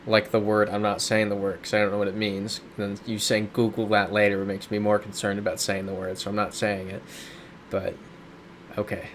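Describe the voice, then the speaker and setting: Reading viewer comments during a geography game stream, a man chats casually from his home in a big city and riffs on what they say. His lowish voice is completely flat and brisk, and there's a faint hiss or hum.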